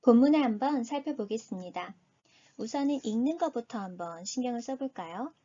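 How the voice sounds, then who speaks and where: A woman teacher giving a recorded Chinese lesson, patiently explaining and slowly modeling pronunciation. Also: a little high, animated, dark tone, no room sound, dull audio.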